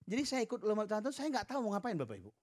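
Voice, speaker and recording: Male, middle-aged, pastor, sermon, fairly high pitch, lively storytelling, call-and-response. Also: racing. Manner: lively storytelling with humorous asides to the congregation; leads the congregation in call-and-response.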